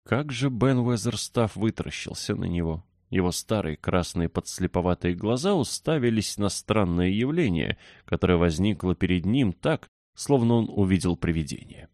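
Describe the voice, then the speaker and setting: A man narrating a children's novel as an audiobook, reading in a steady, expressive way. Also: low voice, normal speed, few pauses, dry recording, studio quality. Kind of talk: scripted narration.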